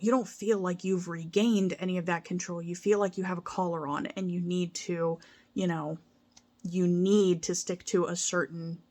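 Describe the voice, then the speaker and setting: A woman's voice: on the low side, darkish tone. Earnest, rambling young woman vlogger. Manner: earnest, rambling, emotional, with frequent restarts and laughs. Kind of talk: casual heartfelt vlog talk.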